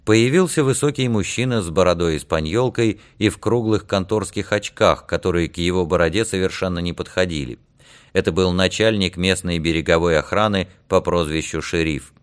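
A man reading an audiobook in a measured, even narration. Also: low-pitched, smooth.

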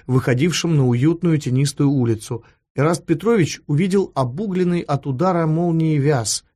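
A man narrating a novel, expressive. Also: fairly high pitch. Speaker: audiobook narrator. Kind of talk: scripted literary narration.

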